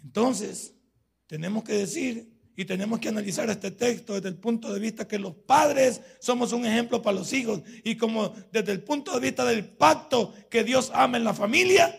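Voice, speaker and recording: A man's voice: high-pitched, normal speed, creaky, slightly rough. A man with a Salvadoran Spanish accent, a pastor preaching a sermon in a folksy way, full of everyday stories from home.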